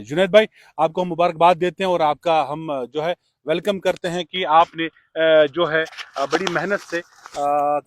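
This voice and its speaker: A radio host speaks formally and courteously while giving an on-location tribute and interview to present an appreciation award. His voice is on the high side, with no room sound.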